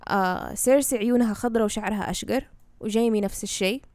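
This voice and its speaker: A woman's voice: mid-range voice, rapid-fire, a little mellow, dry recording. A woman with a Hejazi Saudi accent, explaining things casually in Arabic sprinkled with English words and often checking that the listener follows. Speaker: knowledgeable guest explaining fantasy lore.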